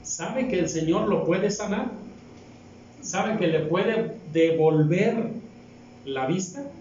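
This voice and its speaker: A Mexican deacon delivers a sermon, his voice mellow and set a little high. He keeps asking the congregation questions as he reads scripture. The sound is dull and distant, swallowed by the heavy echo of a church hall. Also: animated, slow, slight background noise. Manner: asks the congregation rhetorical questions. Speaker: deacon preaching. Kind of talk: sermon with Bible reading.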